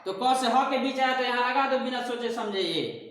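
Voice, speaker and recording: A man's voice: very high-pitched, normal speed, fairly bright tone. A man teaching an English grammar lesson in a classroom style, asking his own questions and answering them to drill each point home. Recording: very echoey room.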